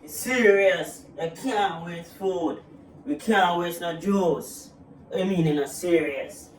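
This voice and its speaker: A woman's voice: mid-range voice, lively intonation, fairly quick, lightly acted. A woman playing an exasperated Jamaican mother in a comedy skit, scolding her child in a mom lecture with repeated questions. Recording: echoey room, distant mic, faint noise.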